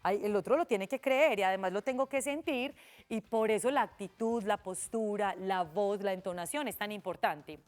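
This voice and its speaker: A woman teacher giving a televised language lesson for children, expressive and acting out little dialogues. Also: medium pitch, moderate pace. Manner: expressive, acts out little dialogues with lively voices.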